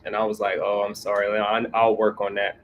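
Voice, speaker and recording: A man's voice: fairly low pitch, completely flat delivery, a little fast, a little hiss or hum, poor audio. A man from California in casual livestream chat, laid-back and slangy, reading viewer comments aloud and answering them. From California, USA.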